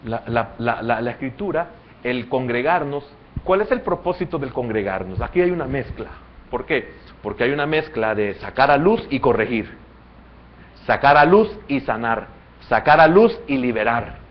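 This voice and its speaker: Male pastor, Salvadoran accent, sermon, quiet reasoning swelling into fervor, muffled lo-fi sound. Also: expressive, moderate pace. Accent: Salvadoran Spanish. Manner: swings between quiet, low reasoning and loud, high fervent passages.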